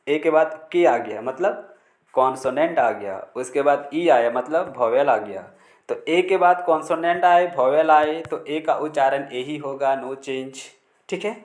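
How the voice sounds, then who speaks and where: A man's voice: a little high, a little mellow. A man teaching English pronunciation in Hindi, spelling words out letter by letter and often repeating the rule. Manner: frequent checking fillers. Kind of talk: Hindi-language pronunciation lesson. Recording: echoey room.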